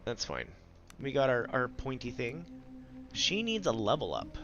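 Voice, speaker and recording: A man's voice: medium pitch, wildly swooping pitch, a little slow, a bit bright, highs cut off, faint music behind. A man casually commentating a game playthrough and reading its text aloud. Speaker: gamer narrating a playthrough.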